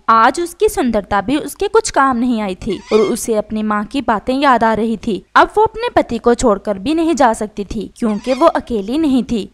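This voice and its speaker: A woman's voice: fairly high pitch, a little hiss or hum. A woman narrating a children's cartoon story.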